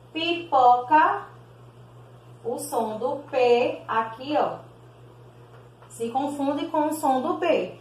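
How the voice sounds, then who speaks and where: A Brazilian woman gives a recorded primary school lesson, drawing out each word syllable by syllable at a very slow pace. Her voice sits a little high, and it rings in an echoey room. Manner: slow, sounds out words syllable by syllable, calls pupils "meus amores". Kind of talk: recorded video class.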